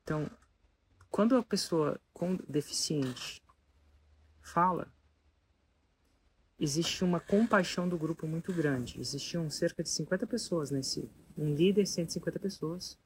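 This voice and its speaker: A speaker, telling a story casually to an audience in an animated way and asking the listeners rhetorical questions. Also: medium pitch, a little slow, long pauses, a little hiss or hum.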